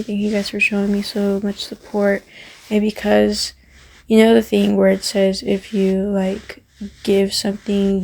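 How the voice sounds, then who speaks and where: A woman's voice: medium pitch, vocal fry, darkish tone. A woman YouTuber giving her viewers an earnest, rambling heartfelt message, repeating herself for emphasis. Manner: rambling with many fillers. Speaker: Roblox YouTuber.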